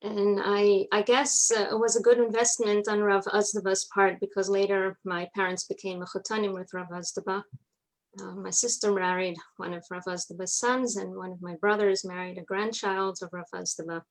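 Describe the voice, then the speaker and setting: Speaking at a moderate pace with fairly even intonation, a woman with a mid-range voice recounts her family history as an interview guest. She has a North American accent and ties to New York, Atlanta and Montreal, and the recording itself is low in quality.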